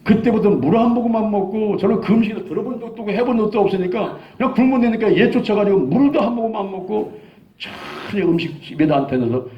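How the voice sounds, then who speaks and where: A fast-talking man in his sixties preaches a testimony, his pitch jumping lively up and down as he acts out the voices in his story. The sound is dull and lo-fi. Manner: animated storytelling, acting out quoted dialogue. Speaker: pastor. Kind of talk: sermon testimony.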